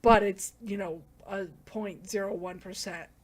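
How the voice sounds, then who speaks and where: A woman's voice: medium pitch, fairly even intonation, unhurried. A woman giving a casual, rambling plot recap as a manga reviewer, with lots of "like" and self-corrections.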